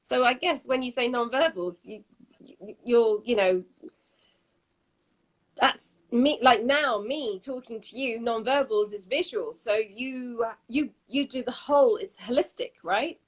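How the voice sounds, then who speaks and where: A woman's voice: a little high, unhurried, poor audio. A woman interviewer who asks long, rambling, hesitant questions.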